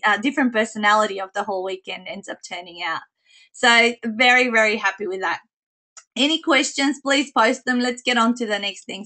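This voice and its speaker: A woman with a slightly squeaky voice presenting an informal online coaching call in a chatty way. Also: pushed and bright.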